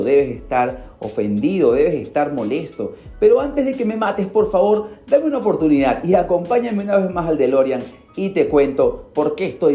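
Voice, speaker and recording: His voice is mellow with a roomy sound as this radio podcast host from Peru tells a story theatrically on a studio microphone. He addresses the listener directly and uses pitch swings for emphasis.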